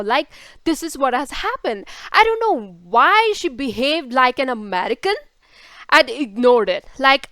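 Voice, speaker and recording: A woman's voice: high voice, fairly bright tone, smooth, no room sound. A woman telling a true story in a storytime vlog, dramatic and repeating words for effect.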